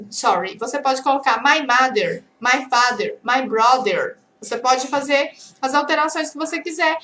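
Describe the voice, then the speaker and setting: A Brazilian Portuguese woman teaching English, drilling example phrases slowly and often checking that her students are following. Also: high-pitched, fairly bright tone. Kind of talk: online language lesson. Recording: echoey room.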